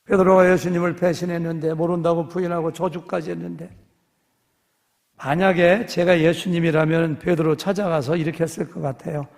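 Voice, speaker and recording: A man's voice: a little high, creaky, a little mellow, in a large hall. A man preaching a sermon as pastor, telling stories animatedly and acting out dialogue in different voices. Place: church sanctuary.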